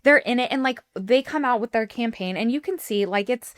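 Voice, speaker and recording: A woman's voice: a little high, brisk. A young woman co-hosting a casual podcast, chatty and full of fillers as she walks her co-host through a story. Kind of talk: casual chat.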